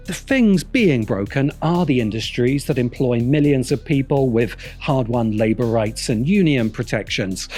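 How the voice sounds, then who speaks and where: Sounding like a critical video essayist, a man delivers wry, scripted narration in a mid-range, slightly mellow voice. Faint music runs underneath.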